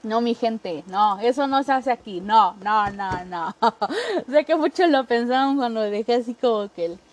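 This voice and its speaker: A Mexican woman hosting a podcast, joking casually and acting out coworkers in quick impressions. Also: on the high side, animated, a little hiss or hum. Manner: chatty, jokey, acts out coworkers in quick impressions. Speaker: podcast host. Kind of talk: casual comedic monologue.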